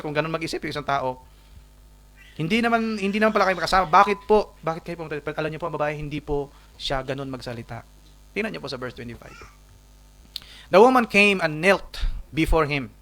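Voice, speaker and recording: A man preaching to his congregation in a somewhat high voice. He moves between Tagalog and English, builds to emphatic peaks and asks the listeners one rhetorical question after another. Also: fairly bright tone. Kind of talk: sermon.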